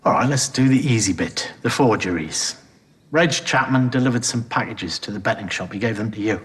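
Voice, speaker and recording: A man playing a patient police detective who questions people calmly, with a gentle, dry wit. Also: lowish voice, a little fast, natural voice. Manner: calm, gently probing, dry.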